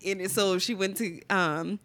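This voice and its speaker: A woman's voice: mid-range voice, fairly even intonation, a little slow, fairly bright tone. A young adult woman with a stuffy nose, chatting casually and candidly as a podcast co-host, often giggling and swearing. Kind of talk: casual personal chat.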